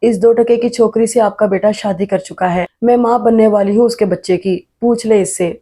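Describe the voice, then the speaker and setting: A woman's voice: mid-range voice, steady tone, warm tone, natural voice. A woman reading the part of a young servant woman who is desperate and defiant, in a story reading. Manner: pleading, defiant.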